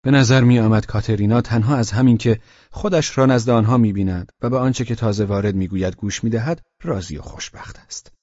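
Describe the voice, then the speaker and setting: Husky male audiobook narrator. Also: lowish voice, dry recording. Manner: measured, even storytelling. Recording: dull lo-fi sound, dry.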